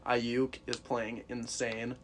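A man's voice: mid-range voice, completely flat delivery, slow. A young American man in a casual sports chat, talking like a frat bro with slangy bragging. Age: young adult. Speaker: podcast co-host.

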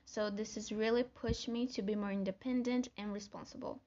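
Her solo podcast is scripted, and this young Brazilian woman presents it earnestly and amiably in a Brazilian Portuguese accent, as though following notes. She talks briskly in a mid-range, darkish voice with fairly even intonation, and the recording is muffled.

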